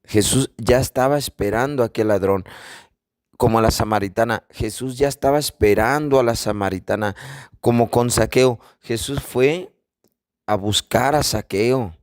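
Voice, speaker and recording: A man's voice: mid-range voice, normal speed, no room sound, clean studio sound. A man giving an informal spiritual teaching, emphatic and repeating phrases for stress. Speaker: religious teacher.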